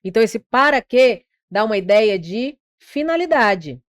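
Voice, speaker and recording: A woman's voice: fairly high pitch, lively intonation, measured pace, no echo. Dry-voiced Brazilian woman teaching grammar. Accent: Brazilian Portuguese. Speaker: exam prep teacher. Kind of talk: online grammar lesson.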